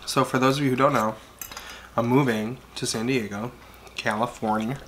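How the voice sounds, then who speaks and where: A man's voice: mid-range voice, steady tone, moderate pace, over a noisy crowd, rough recording. A young man co-hosting a casual eating show, teasing and crude. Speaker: co-host. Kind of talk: casual mukbang chat.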